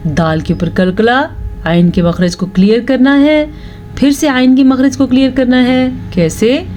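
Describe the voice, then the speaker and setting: A woman teaching Quran recitation rules, reciting verses slowly and drawn out, then explaining each rule. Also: sits high, mellow, faint music behind. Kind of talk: slow recitation lesson with explanations.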